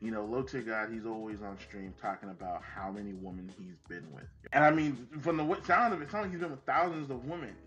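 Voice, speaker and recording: A man interviewing a guest over a voice call, asking questions in a relaxed, chatty way. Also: lowish voice, fast talker, hardly any pauses, faint music behind.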